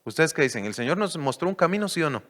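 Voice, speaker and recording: A man preaches in a voice pitched a little above most men's. He keeps putting questions to the congregation. He moves from loud, lifted lines down to quiet, low asides. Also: big pitch swings, fast. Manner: asks the congregation questions, then answers them. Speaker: church elder preaching. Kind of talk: sermon.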